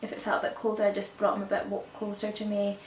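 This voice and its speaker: A parenting vlogger with a croaky voice from a cold talks to camera about baby products in a rambling, chatty way, often correcting herself. She speaks fast at medium pitch with a completely flat delivery. The room is echoey, the mic is distant, and there's faint hiss.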